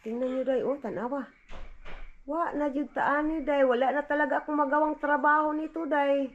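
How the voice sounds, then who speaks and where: A woman's voice: high-pitched, steady tone, moderate pace, narrow, tinny audio. A Filipino-accented woman vlogging at home with her toddler, chatting casually to viewers and cooing at her baby. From Philippines. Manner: chatty, calls viewers "day" and "inday"; soft coaxing baby talk. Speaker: vlogger mom. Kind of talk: casual chat to camera.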